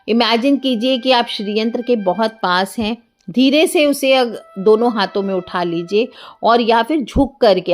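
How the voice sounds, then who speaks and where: A woman speaking with a calm, instructive manner, walking listeners through a ritual step by step. She repeats each affirmation slowly and gently. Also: mid-range voice. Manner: calm and instructive, softly repeats affirmations, drops to a whisper in demonstrations. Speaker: spiritual remedy teacher. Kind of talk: instructional talk.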